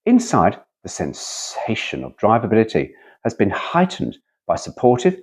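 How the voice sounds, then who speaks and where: Husky and a little mellow, this British man's fairly low voice swoops wildly in pitch as he moves at a moderate pace through his car vlog. He chats casually, reads brochure copy aloud, and keeps cutting in on himself with playful, rambling asides.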